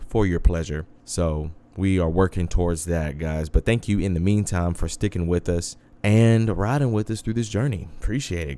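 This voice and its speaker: A man's voice: low voice, darkish tone, smooth. A man hosting a casual internet radio show, chatty and laid-back, often calling his listeners "guys" and mixing in dry sarcasm.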